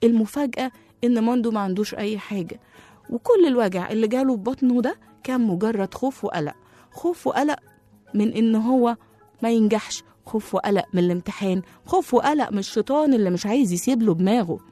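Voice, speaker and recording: Egyptian woman telling a kids story, quick and lively, mellow voice, faint music under it. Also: fairly high pitch. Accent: Egyptian Arabic. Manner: lively, addresses young listeners. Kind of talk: children's story narration.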